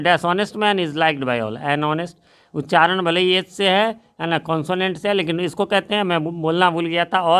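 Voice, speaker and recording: A man teaching an English grammar lesson, reading example sentences slowly and often adding "है ना" to check in with students. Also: fairly high pitch, a bit bright. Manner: slow, deliberate reading of example sentences, frequent tag question "है ना".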